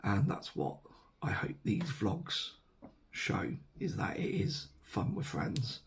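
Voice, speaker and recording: A man with an English accent and a medium-pitched voice talks slowly but very animatedly to his camera. His voice is hoarse and fading from a sore throat, and the vlog wanders casually with many ums and self-corrections. He's seated at the camera, recorded on its built-in mic.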